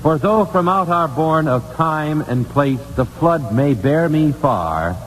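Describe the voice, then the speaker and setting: On the high side and animated, this man talks slowly as host of a live 1950s radio quiz show. His delivery mixes friendly chat with formal courtesy. The vintage broadcast carries long reverb and slight noise.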